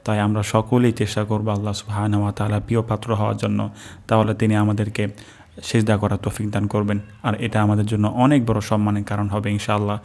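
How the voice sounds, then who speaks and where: A man teaching the correct pronunciation of a prayer, slowly repeating each syllable in careful drills. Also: on the low side, monotone, a little mellow. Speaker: Quran recitation teacher. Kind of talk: religious pronunciation lesson.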